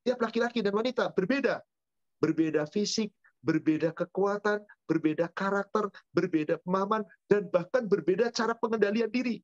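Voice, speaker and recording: Speaking briskly in a high-sitting voice, a man teaches a religious study session as an Islamic teacher. His answers come as rhetorical questions and spoken lists. The lo-fi sound is dull and dry, without echo.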